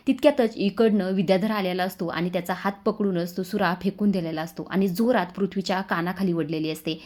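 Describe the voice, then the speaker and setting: A woman's voice: lowish voice, darkish tone. A woman narrating a recap of a television serial episode, retelling the scenes and reading out the characters' dialogue. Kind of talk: scripted storytelling recap.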